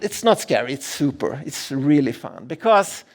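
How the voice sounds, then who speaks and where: A man's voice: medium pitch, big pitch swings, normal speed. A middle-aged man from Sweden, giving a conference keynote in a humorous, self-deprecating storytelling way, often restarting his sentences. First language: Swedish. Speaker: keynote speaker. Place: large conference room.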